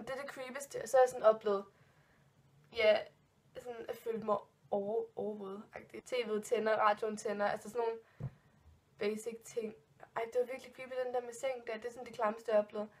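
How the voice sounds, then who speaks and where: A woman's voice: on the high side, level tone. Rambling young woman telling spooky stories. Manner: rambling, many fillers and restarts; spooked, nervous giggles. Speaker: vlogger. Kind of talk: casual storytime vlog.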